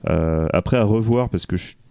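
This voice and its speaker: Very deep, gravelly man chatting. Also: a little fast, warm tone, a little hiss or hum. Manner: laid-back, hesitant, trails off. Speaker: podcast co-host. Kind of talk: casual chat.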